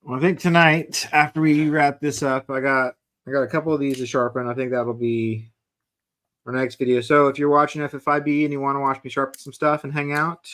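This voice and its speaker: A man's voice: medium pitch, flat delivery, fairly bright tone. A man co-hosting a knife show in casual chat, easygoing and teasing. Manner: easygoing, teasing, quick to laugh.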